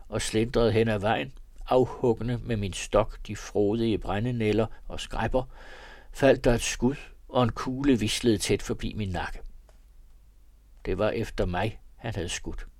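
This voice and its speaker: A man reading an old novel aloud in a measured, literary way. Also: mid-range voice, darkish tone, no echo. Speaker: reader of classic novels.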